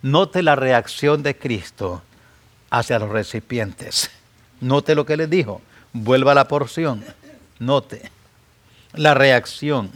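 A middle-aged man from Central America with a Central American Spanish accent, preaching a sermon, his voice dropping to soft asides and then rising to loud, high exhortation. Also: slow, long pauses. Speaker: pastor.

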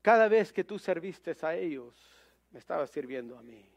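A man voicing a solemn divine inner voice in a spoken story, speaking in a measured, hushed way. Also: on the high side, animated, gravelly.

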